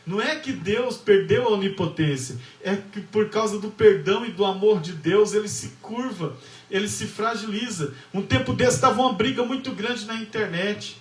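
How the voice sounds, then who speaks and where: A man's voice: high-pitched, normal speed. A man preaching and lecturing, telling a story with emphatic repetition and acted-out dialogue. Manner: emphatic storyteller, repeats phrases, acts out dialogue. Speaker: pastor and lecturer. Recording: echoey room, voice from far off.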